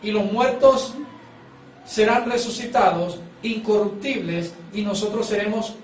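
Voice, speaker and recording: High-voiced male preacher in an echoey hall. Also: unhurried, far from the mic, a little hiss or hum. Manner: preaching with call-and-response prompts to the congregation. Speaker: pastor. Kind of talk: sermon.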